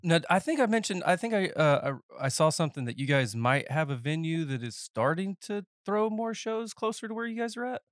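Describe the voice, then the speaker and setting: A man in his thirties, a podcast host, chats through a casual interview in a slightly high, congested and faintly nasal voice, very animated and fairly quick with few pauses. He rambles, interrupts himself and cracks jokes on tangents. Recorded with headphones and a podcast mic, the sound is dry and close, with no room around it.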